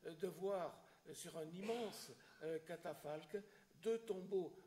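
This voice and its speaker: A man lecturing on history with a fairly high voice. He speaks haltingly, stopping for filler sounds and restarting phrases. Now and then he clears his throat. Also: warm tone, slight background noise. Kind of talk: public lecture with questions.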